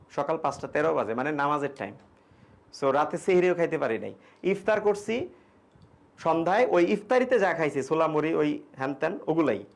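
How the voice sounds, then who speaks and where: On the high side with vocal fry, a young man leads an online English grammar class for exam preparation. His explanations are casual and in Bengali, with English examples, and he reads students' questions aloud and answers them.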